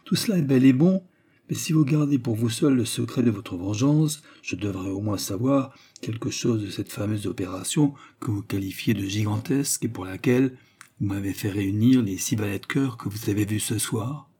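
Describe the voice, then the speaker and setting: Male reader as young rogue, mocking, eager questions, dark husky tone, audiobook. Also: on the low side, moderate pace. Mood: wheedling. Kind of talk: audiobook character reading.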